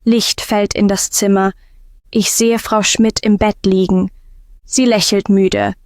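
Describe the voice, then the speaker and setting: A woman narrating a scripted first-person story for language learners in calm, simple short sentences. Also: medium pitch, takes it slowly, no echo, studio quality.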